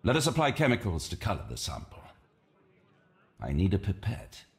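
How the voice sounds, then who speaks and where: An earnest Victorian gentleman doctor with an English accent. His low voice moves in lively swings, formal and concerned, as game dialogue with faint noise behind it. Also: normal speed, full character voice. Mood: studious. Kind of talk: video game dialogue acting.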